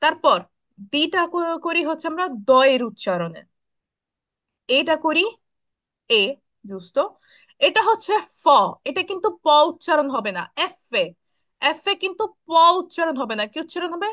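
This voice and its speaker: A woman's voice: high voice, sing-song, unhurried, long pauses, a bit bright. A woman teaching Italian pronunciation on a video call, patiently repeating sounds for students to echo. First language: Bengali. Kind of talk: online class, pronunciation drills.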